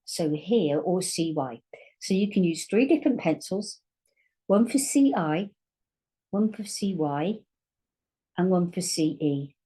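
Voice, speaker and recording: Woman, low-ish voice, slow deliberate phonics teacher, sounds out each letter patiently. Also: lively intonation, warm tone, breathy edge, low-quality recording. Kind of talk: recorded online spelling lesson.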